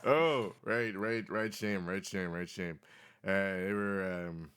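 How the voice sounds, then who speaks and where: A man's voice: sits low, a bit bright, clean tone. Man doing a very old man, rambling and folksy. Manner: muddled, repeats himself, halting folksy talk. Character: very old rambling man running a roadside diner.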